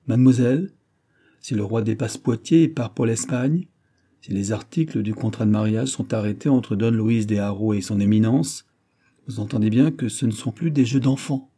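A man voicing a lively, mocking young lady-in-waiting in an audiobook reading of a classic novel. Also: on the low side, moderate pace, lightly acted. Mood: teasing. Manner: mocking, playful.

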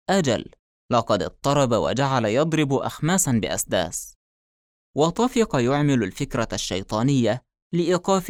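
A man narrating an audiobook in a measured, formal literary reading style. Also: medium pitch, dry recording, studio quality.

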